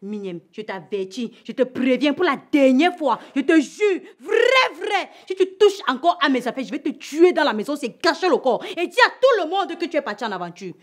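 An actress playing an angry young woman scolding her brother with rapid threats. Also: high voice, big pitch swings. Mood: furious.

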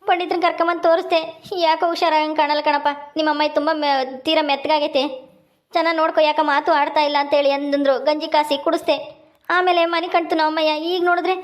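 A woman playing a grieving grown son in a village family drama, speaking in a rapid, wailing lament. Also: sits high, little pitch movement, muffled recording, close to an everyday voice.

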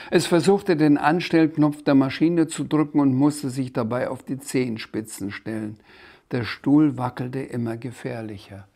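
A man with a German accent reading his own children's book aloud, in a lively, expressive way with occasional asides. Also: medium pitch, gravelly. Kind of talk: storybook read-aloud.

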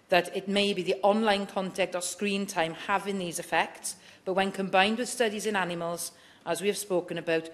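Woman, middle-aged, earnest, debate speech, wood-panelled chamber. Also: fairly low pitch. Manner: reads prepared remarks, firm and earnest. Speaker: member of parliament.

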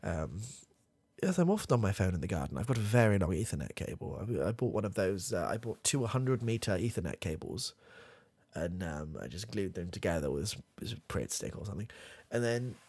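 A young British man plays a muddled, proud old grandad who can't cope with technology in a close-miked comedy ASMR roleplay, rambling and hesitant with lots of fillers and restarts. He uses an exaggerated low, sing-song voice that is brisk, a little mellow and husky. He sits in a small, dim room lit with coloured lights, face near the camera, and the sound has no echo.

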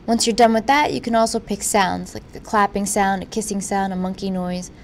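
Woman narrating a software walkthrough, mid-pitched. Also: fairly even intonation, brisk, slight background noise. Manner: instructional, informal. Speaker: tutorial presenter.

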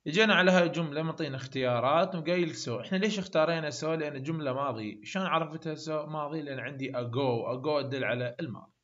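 A man's voice: a little high, rapid-fire, few pauses, fairly bright tone, dull audio. A man with an Iraqi Arabic accent teaching an English exam lesson, asking questions and answering them himself. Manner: explains by asking and answering his own questions.

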